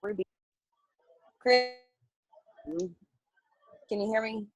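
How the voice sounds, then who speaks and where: A woman's voice: mid-range voice, very slow, soft background music, rough recording. A woman training her sales team over a video call, her audio choppy with words cut off as the connection drops. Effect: choppy connection cutting out mid-word.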